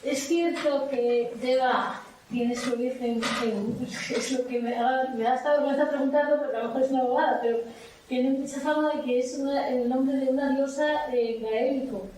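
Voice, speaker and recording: A woman's voice: high voice, fairly even intonation, normal speed, darkish tone, slight background noise. A woman in the audience hesitantly asking a question, a little shy about it. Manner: hesitant, self-deprecating. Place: lecture hall. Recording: echoey hall from far off.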